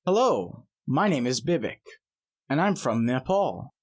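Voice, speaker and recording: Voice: medium pitch, very animated, measured pace. An actor voicing a polite schoolboy from Nepal in a scripted textbook audio dialogue, explaining things carefully. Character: polite schoolboy from Nepal who plays the sarangi.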